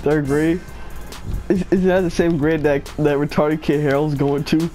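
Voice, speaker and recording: A man's voice: a little high, little pitch movement, moderate pace, mellow, faint music behind. A young man trash-talking casually over a game, goading and repeating himself. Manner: goading, repetitive. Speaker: gamer. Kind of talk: casual trash talk while gaming.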